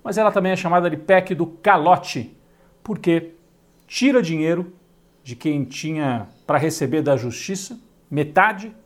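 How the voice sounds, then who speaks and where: Man, Brazilian Portuguese accent, political commentary, sardonic, somewhat high-pitched. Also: a little slow. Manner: opinionated, sardonic asides.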